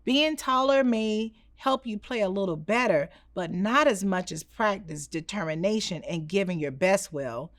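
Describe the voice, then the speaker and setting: Gentle, encouraging dad voiced by a woman. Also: mid-range voice, lively intonation, normal speed, hardly any pauses, dry recording, studio quality, close to an everyday voice. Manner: gentle, reassuring. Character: caring, encouraging father talking to his son.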